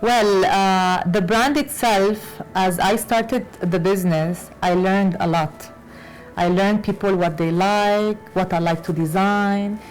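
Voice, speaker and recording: A woman's voice: mid-range voice, fairly even intonation, slow, rough recording. Hesitant woman designer, music behind. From Lebanese, raised in Latin America. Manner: hesitant, many fillers and restarts. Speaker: fashion designer guest. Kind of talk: conversational interview.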